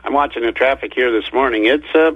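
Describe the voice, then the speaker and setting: A man's voice: medium pitch, fast, dry recording. Easygoing male market reporter, dull lo-fi line, dry sound, folksy filler-heavy delivery. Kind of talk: radio chat and market report.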